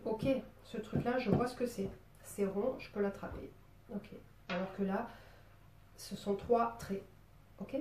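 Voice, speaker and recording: A woman's voice: on the high side, dark tone, recorded from a distance, a little hiss or hum. A woman with a Marseille accent giving a drawing lesson in a chatty, playful way, full of fillers. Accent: southern French (Marseille). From Marseille, southern France. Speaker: drawing teacher. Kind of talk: drawing tutorial. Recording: roomy sound, voice away from the mic.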